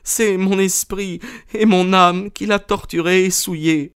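A man reading aloud, voicing a distraught young woman in a high, pleading voice. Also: steady tone, moderate pace, smooth, no room sound, clean studio sound, close to an everyday voice. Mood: sobbing, bitter. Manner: breathless, high pleading delivery.

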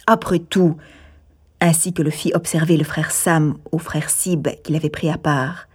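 A woman narrating a classic novel aloud in a measured, even storytelling manner. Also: fairly low pitch, husky. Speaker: audiobook narrator.

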